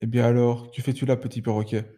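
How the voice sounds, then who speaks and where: A man voicing a big, kind horse with a deep voice who speaks calmly and kindly. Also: fast, natural voice. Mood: gentle. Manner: calm, kindly. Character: big gentle male horse, calm and kind.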